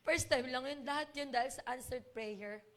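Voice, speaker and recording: Brief: woman, church testimony, high voice with gravelly fry, earnest and emotional. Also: moderate pace, fairly bright tone. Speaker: church member giving testimony. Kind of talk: personal testimony to a congregation.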